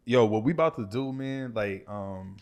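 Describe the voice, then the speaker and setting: A man who raps, talking as a podcast guest in a loose, slangy way, his level drifting from mumbled to loud. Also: lowish voice, moderate pace. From New York. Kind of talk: casual chat.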